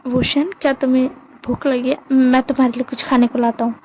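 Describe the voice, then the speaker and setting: A woman's voice: high-pitched, level tone, quick pace, muffled recording, a little hiss or hum, close to an everyday voice. A woman voicing a stern, protective young man who gives orders in a scolding way, as part of a storytelling narration. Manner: scolding, bossy.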